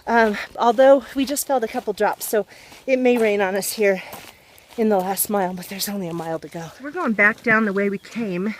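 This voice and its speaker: A woman's voice: medium pitch, normal speed, a little hiss or hum. A woman vlogging casually outdoors on a handheld camera, talking while walking through a trail race. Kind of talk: casual vlog chat.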